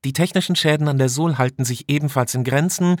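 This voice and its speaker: A man reading an audiobook and voicing a female communications officer on a spaceship in a raised, brisk tone. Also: on the high side, dry recording, clean studio sound, voice pushed up, close to an everyday voice. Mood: reporting.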